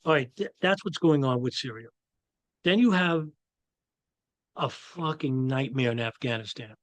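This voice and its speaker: A commentator with a New York accent rambles through his own opinions in a casual monologue, full of restarts and fillers. His mid-range voice moves at an unhurried pace, with no room sound in the recording.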